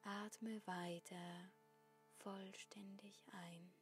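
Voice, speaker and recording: A woman guiding a breathing meditation in a soft, breathy, half-whispered spa voice, giving calm instructions with long pauses. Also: medium pitch, faint music behind.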